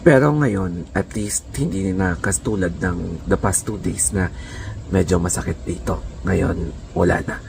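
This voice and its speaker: Hoarse man with a croaky voice. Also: low-pitched, unhurried, noisy background. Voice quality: raspy, croaky voice. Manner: chatty Taglish, mixing in English; laughs breathily between phrases. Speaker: vlogger. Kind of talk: casual vlog chat.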